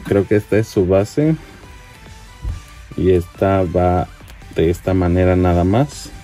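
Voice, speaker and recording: Low, mellow-voiced man unboxing toys. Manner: relaxed, chatty, many fillers. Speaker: toy unboxing vlogger. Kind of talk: casual unboxing commentary. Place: indoors by a display shelf.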